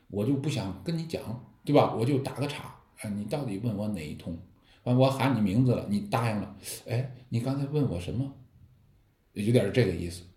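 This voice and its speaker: Animated man giving an echoey dharma talk. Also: mid-range voice. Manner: lively storytelling with rhetorical questions. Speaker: Buddhist teacher. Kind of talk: dharma talk explaining Zen koans. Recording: echoey room.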